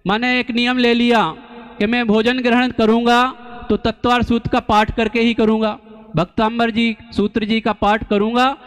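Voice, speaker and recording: A man giving a slow, deliberate religious discourse, teaching through rhetorical questions and pauses. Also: extremely high pitch, level tone, smooth. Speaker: Jain scholar and preacher. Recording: long hall reverb.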